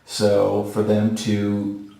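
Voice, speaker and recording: Male vlogger, forties, mellow and fairly flat, casual halting monologue. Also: fairly low pitch, gravelly. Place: small tiled bathroom, sitting in a bathtub. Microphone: camera or phone a short distance away. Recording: very echoey tiled bathroom.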